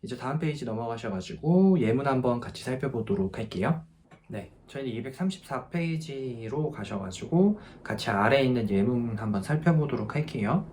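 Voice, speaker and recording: A man's voice: medium pitch, animated, a little mellow, slight background noise. Patient male language teacher. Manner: explains patiently, drills verb forms by repeating them slowly. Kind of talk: online grammar lesson.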